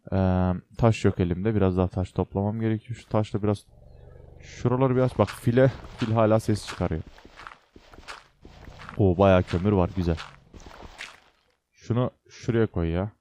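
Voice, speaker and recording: A young man with a low, mellow voice chats his way through a building game, joking with viewers and grumbling at creatures on screen. A faint hiss and some clicking sit under his casual commentary. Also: normal speed, long pauses. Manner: chatty, talks to viewers and the game, jokey exclamations. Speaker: gaming channel host. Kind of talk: casual Minecraft let's play commentary.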